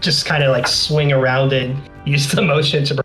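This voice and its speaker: A man's voice: medium pitch, level tone, normal speed, a bit bright, faint music behind. A man playing a tabletop game, easygoing in how he describes his moves. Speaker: player.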